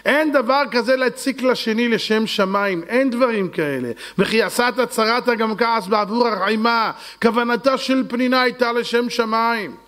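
A rabbi giving a sermon, telling stories and acting out the dialogue dramatically while addressing the congregation. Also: male voice, very high voice, few pauses. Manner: acts out dialogue in a lively, dramatic voice; addresses the audience directly. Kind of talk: storytelling sermon.

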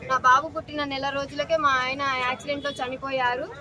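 A woman's voice: sits high, flat delivery, fast talker, sharp tone. A young woman in her twenties, making an urgent, pleading appeal to officials outdoors and repeating herself as she talks. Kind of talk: distressed street appeal to reporters. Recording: street recording with traffic noise. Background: traffic and street noise.

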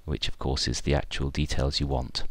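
Man, very low voice, dry close mic; casual screencast demo, thinks aloud. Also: flat delivery, moderate pace, slightly rough, dry recording. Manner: thinking aloud with fillers and restarts. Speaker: software developer giving a screencast demo. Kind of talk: unscripted screencast walkthrough.

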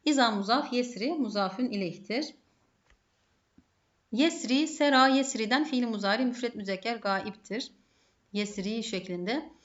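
Turkish lady teaching grammar slow and steady, asks and answers herself, kinda muffled audio. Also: on the high side. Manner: methodical, poses and answers her own questions. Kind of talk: grammar lesson.

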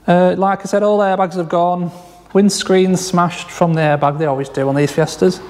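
A man's voice: high-pitched, fairly even intonation, moderate pace, darkish tone, big-room sound. A man rambling through a casual walkaround of a damaged car in a large workshop garage, with many fillers and restarts. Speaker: car salvage vlogger.

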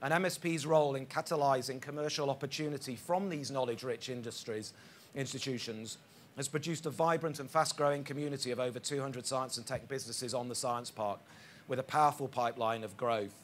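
A man giving a conference presentation, with halting starts, fillers and small stumbles. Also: medium pitch, slight background noise. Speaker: conference speaker. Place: conference hall.

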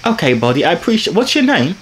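Faking a British accent on top of his American one, this young adult jokes around during a prank video call from a small bedroom. His delivery is quick and sing-song, full of playful bursts of loud, high exclamation. The audio is poor, with slight background noise.

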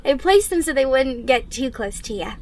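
In an anime fan roleplay, a woman voices a bubbly teenage superhero trainee who encourages the listener and explains things while coaching them directly. The performer's voice is high and darkish in tone, with lively intonation at a normal speed.

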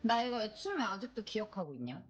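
Girl streamer just chatting w viewers, playful n teasy, bit slurry consonants from a retainer, quiet music in back. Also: medium pitch, very animated, a little fast, slightly rough, highs cut off. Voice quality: slightly slurred articulation from dental retainer. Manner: playful, teasing, thinking aloud. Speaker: live streamer. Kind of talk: casual chat with stream viewers.

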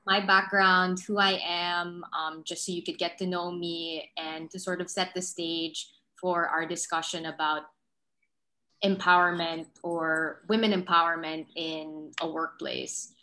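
A woman's voice: fairly low pitch, bright, forceful tone, low-quality recording. A young woman, a guest speaker talking casually about herself from home over a video call, friendly and a little self-conscious. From Philippines. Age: young adult. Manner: friendly, slightly self-conscious, many ums. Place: dim room at home, indoors. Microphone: laptop mic on a video call.

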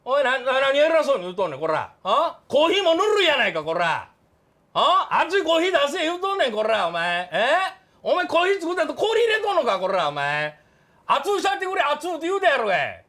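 A man with a Kansai accent playing a loud, bullying middle-aged café customer who blusters and threatens in a comedy sketch. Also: very high voice, wildly swooping pitch, brisk, full character voice. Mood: threatening. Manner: blustering, threatening, keeps saying "you".

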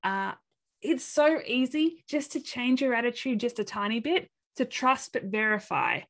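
A woman with an Australian accent giving a webinar presentation over a webcam video call, animated and acting out quoted reactions in different voices. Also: a little high, normal speed. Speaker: presenter of an inclusion talk.

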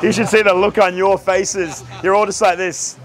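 This is live street magic patter from an Australian man in his thirties, who projects and jokes for onlookers at an outdoor night market. He speaks at a moderate pace in a high-pitched voice with a flat delivery. An outdoor camera caught it, with the crowd and music audible behind him.

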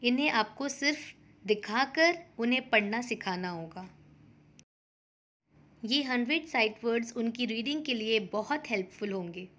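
A woman's voice: fairly high pitch, lively intonation, moderate pace, fairly bright tone. A woman teaching a phonics lesson for parents, patiently spelling words out letter by letter.

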